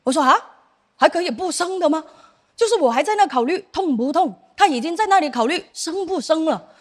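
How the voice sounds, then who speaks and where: A young woman with a high voice performs stand-up on a theater stage. She tells her stories briskly and slips into the voices of the people in them. Her voice carries over the room. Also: animated. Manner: storytelling, acts out quoted voices. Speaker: stand-up comedian. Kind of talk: stand-up comedy set.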